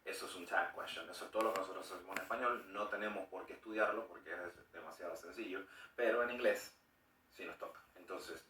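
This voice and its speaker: A man's voice: lowish voice, bright, forceful tone, roomy sound, far from the mic, poor audio. A man explaining a grammar lesson as a teacher, demonstrating intonation with sample sentences. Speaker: English teacher.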